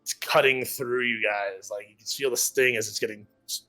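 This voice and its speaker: A man's voice: medium pitch, fairly even intonation, normal speed, bright, forceful tone, faint music behind. Rambling man narrating as game master. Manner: rambling, filler-heavy description.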